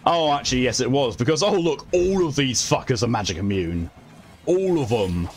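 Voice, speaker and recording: A man's voice: medium pitch, lively intonation, moderate pace. A man streaming a video game, chatting casually in a rambling, wry way with some swearing. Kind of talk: casual live game commentary and chat. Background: game music.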